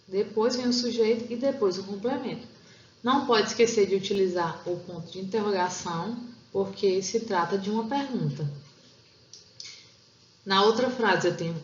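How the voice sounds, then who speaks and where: Over a set of slides, a Portuguese-speaking woman with a medium-pitched voice teaches English grammar step by step, slowing down to read example sentences. The sound is roomy, dull and lo-fi.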